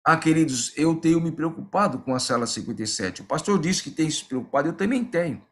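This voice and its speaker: Man preaching a sermon, high-pitched, earnest, repeats key phrases, pastor. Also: expressive, brisk, fairly bright tone. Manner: earnest, repeats phrases, addresses listeners as "queridos". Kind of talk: sermon with personal story.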